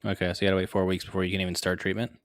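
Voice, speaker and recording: A man talks in a relaxed, informal chat style with an inquisitive manner. His voice sits a little low. The recording is dry and free of room echo. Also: rapid-fire. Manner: informal, inquisitive, paraphrasing in acted-out examples. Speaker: conversation partner asking questions. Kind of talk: casual chat.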